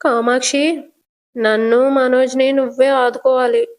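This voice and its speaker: A woman's voice: sits high, flat delivery, a little slow. A woman voicing a frightened, scheming middle-aged mother who pleads anxiously.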